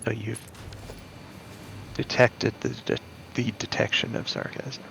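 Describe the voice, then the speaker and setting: A man's voice: medium pitch, little pitch movement, slow, gravelly, a bit bright, a little hiss or hum, rough recording. A man chatting drily while playing a game with a friend, teasing and questioning him. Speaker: co-host and player. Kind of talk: casual gameplay chat.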